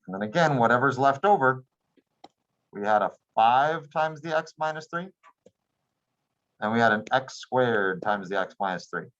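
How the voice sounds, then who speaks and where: A man's voice: mid-range voice, lively intonation, moderate pace, pauses often, fairly bright tone, dull audio. A man teaching a math class, explaining steps patiently and often asking if students follow. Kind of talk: classroom lecture.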